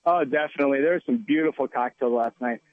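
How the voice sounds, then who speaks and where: A chef calling in by phone to a radio show, relaxed and joking in casual chat. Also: male voice, mid-range voice, quick pace, no room sound. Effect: voice heard over the phone. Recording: tinny phone line.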